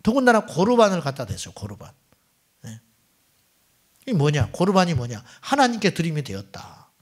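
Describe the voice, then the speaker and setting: A man's voice: on the high side, huge pitch swings, normal speed, slightly rough. A middle-aged male pastor giving a Friday night sermon, firing rhetorical questions at the congregation and dropping at times to near whispers. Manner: swings between loud exclamations and near-whispered asides. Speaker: senior pastor.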